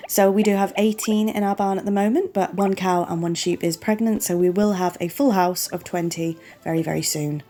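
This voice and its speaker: A woman with a cold, sniffly and losing her voice, hosts a relaxed let's-play of a farming game, apologizing as she goes and talking viewers through each step. Her mid-range voice is steady and dark, a little fast with few pauses, and faint music plays behind.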